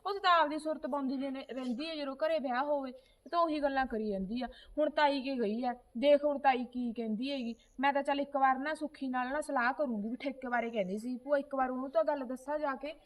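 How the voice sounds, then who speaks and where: A woman's voice: high voice, fast, few pauses, lightly acted. A woman playing a defiant young wife. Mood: grumbling. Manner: defensive, retorting, grumbling. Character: defiant young wife of the household, retorting sharply. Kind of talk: amateur comedy short film acting.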